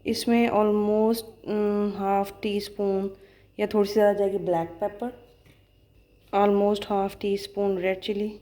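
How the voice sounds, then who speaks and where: A woman in her thirties from Pakistan with a Pakistani Urdu accent, chatting fast and cheerfully in a casual vlog, then walking through a recipe at home. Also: medium pitch, little pitch movement, warm tone. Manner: fast-talking, chatty, laughs easily. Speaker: vlogger and schoolteacher. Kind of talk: casual vlog chat and cooking demo.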